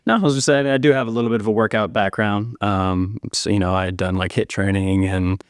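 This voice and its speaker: A man's voice: fairly low pitch, fairly even intonation, a little fast, no room sound, clean studio sound. A man guesting on a podcast, answering casually and easygoingly, with plenty of "like" and "you know". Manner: easygoing, uses "like" and "you know", speeds up in bursts. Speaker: podcast guest, gym client.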